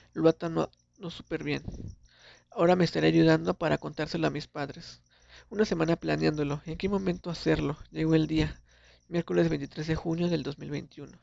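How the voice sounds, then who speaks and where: Somber young man, gravelly. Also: on the high side, a little mellow. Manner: somber, earnest confessional tone. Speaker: narrator. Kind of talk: first-person dramatic storytelling. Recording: dull lo-fi recording.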